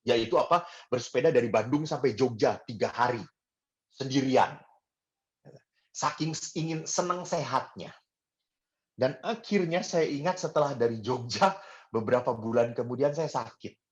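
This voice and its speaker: A man's voice: mid-range voice, moderate pace, muffled recording. Man preaching with easygoing humor. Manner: humorous, anecdotal storytelling with hesitant fillers. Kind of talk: sermon.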